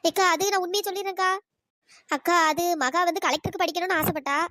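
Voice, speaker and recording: Woman doing chatty young village girl, cartoon, very high-pitched, rapid-fire. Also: a bit bright, dry recording, studio quality. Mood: pleading. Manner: pleading, fast coaxing chatter. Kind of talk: cartoon voice acting.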